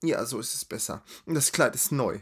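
A man voicing a giggly, vain, rich young woman in a storybook reading, in a high chattering drawl. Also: expressive, moderate pace, slightly rough.

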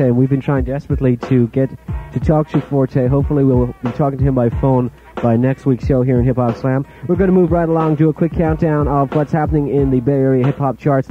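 A man hosting a hip hop countdown on a pirate radio broadcast, rattling off chart entries in quick, clipped fragments. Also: medium pitch, dull audio. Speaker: radio DJ and host. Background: music playing under the voice.

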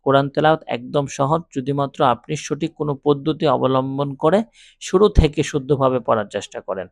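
A man teaching Quran reading, drawing out recited words slowly between calm, encouraging explanations. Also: mid-range voice, creaky, dry recording. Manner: slow drawn-out recitation between plain explanations. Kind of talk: recitation lesson.

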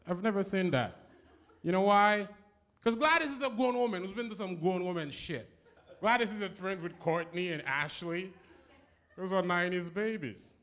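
A male stand-up comedian with a Haitian accent and a fairly high voice that swings up and down a lot. He lands his jokes in a punchy, wry way during a live set. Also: a bit bright. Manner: punchy, wry joke delivery. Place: live comedy show stage.

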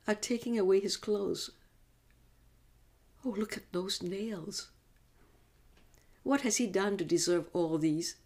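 A woman playing an anguished, devout middle-aged mother in a slow, emotive religious monologue, pleading as she grieves for her son. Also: mid-range voice. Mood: horrified, grieving.

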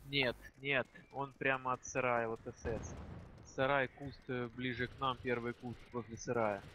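A man's voice: medium pitch, little pitch movement, a little slow, dull audio, slight background noise. A man playing an online team game, answering a teammate in short tactical replies. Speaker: player. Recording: loud game sound, heard from afar.

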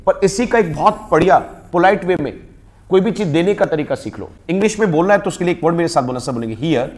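A man's voice: a little high, background noise. A man with an Indian accent teaching a spoken English class, prompting students to repeat words after him.

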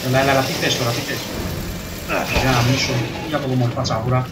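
A young man playing a horror game with a friend, excitable and shouting insults at the enemies. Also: mid-range voice, music in the background. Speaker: co-player. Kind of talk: casual let's-play banter. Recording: echoey, distant, noisy mic.

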